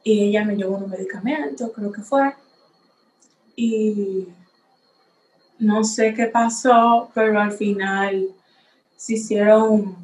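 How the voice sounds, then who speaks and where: A young woman of nineteen tells her faith testimony on her podcast, speaking slowly and thoughtfully. She sounds a little unsure as she recalls things. Her mid-pitched voice echoes in the room around her. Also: fairly even intonation, darkish tone. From Dominican Republic. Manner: unhurried, reflective, a little unsure. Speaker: podcast host. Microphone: facing a camera.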